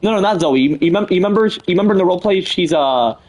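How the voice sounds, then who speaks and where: A man's voice: high-pitched, lively intonation, racing, a little mellow. A man hosting a live stream, chatting casually and rambling with lots of fillers and restarts. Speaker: stream host. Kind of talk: casual chat.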